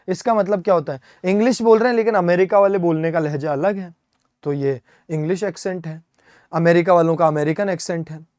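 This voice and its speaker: A high-pitched, slightly mellow male voice with an Indian accent leads an exam-prep vocabulary lesson. He explains step by step, spells words out letter by letter, and keeps asking "है ना?". The recording has no echo and clean studio sound.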